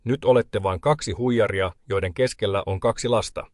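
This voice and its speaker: A man voicing an unshakable widowed grandmother who speaks calmly and coldly. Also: fairly low pitch, no echo, clean studio sound, lightly acted. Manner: calm, clipped, cold. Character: cold, unshakable widowed grandmother, older woman.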